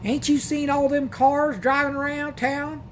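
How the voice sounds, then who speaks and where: A man's voice: very high voice, level tone, unhurried, a little hiss or hum, pitched above the performer's own voice. A man voicing a blunt small-town woman motel clerk who speaks in a drawling rural dialect. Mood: blunt, matter-of-fact.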